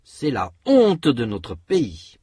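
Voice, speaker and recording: Man, language-lesson model speaker, slow deliberate phrases, very lively intonation, husky, dry studio sound. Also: medium pitch, no room sound. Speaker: model speaker for pronunciation drills. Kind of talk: recorded language-lesson example sentences.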